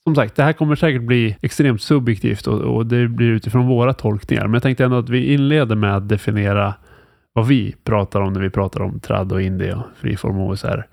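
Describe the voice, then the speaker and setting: A man hosting a casual podcast about roleplaying games, relaxed and thinking aloud with many fillers. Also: on the low side, creaky, dry recording, studio quality. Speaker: podcast host.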